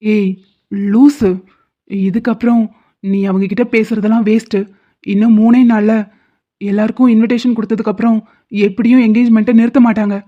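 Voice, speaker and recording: Cartoon lead: a woman playing a confident young boyfriend, brusque but reassuring, fairly high voice, lo-fi audio. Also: fairly even intonation, normal speed, pauses often, natural voice. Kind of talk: cartoon drama dubbing. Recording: dull lo-fi audio.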